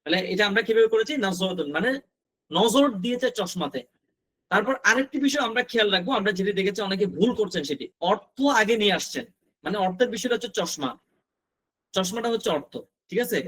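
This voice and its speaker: Male teacher, high voice, patient vocabulary drilling, talks straight to students. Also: animated, fairly bright tone. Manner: repeats words slowly for drilling; addresses students directly with questions. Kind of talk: recorded vocabulary lesson.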